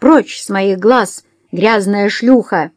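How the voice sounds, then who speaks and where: A woman's voice: dry recording, clean studio sound. A woman voicing a drunk, spiteful society woman who jeers shrilly and drawls her insults. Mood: furious. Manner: shrill, jeering, slow and scornful.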